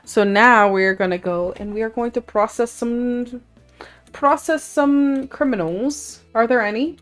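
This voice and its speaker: A chatty young woman talking through a video game in a fairly high voice, excitable and loose, with plenty of filler words. Faint music plays softly behind her. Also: a little slow, smooth. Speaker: gaming video host. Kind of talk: casual gameplay commentary.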